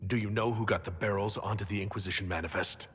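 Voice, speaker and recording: An actor playing a defiant, weary leader of a fantasy order in a video game, with earnest, emphatic delivery. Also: male voice, lowish voice, steady tone, quick pace, fairly bright tone, slight background noise, natural voice. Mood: subdued. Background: music.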